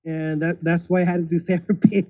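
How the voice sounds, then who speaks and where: Brisk and level, a slightly high male voice comes through a dry but tinny, phone-like recording. The speaker, in his thirties, is a podcast guest in a casual interview, hesitantly restarting and letting out nervous laughs.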